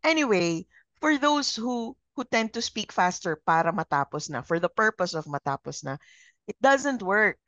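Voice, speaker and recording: A middle-aged woman with a Filipino accent leading a communication training session, speaking in a measured, modulated trainer voice and putting questions to her learners. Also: mid-range voice, sing-song, a bit bright, no echo, dull audio. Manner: interactive, asks learners questions. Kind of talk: live training session, mixing English and Filipino.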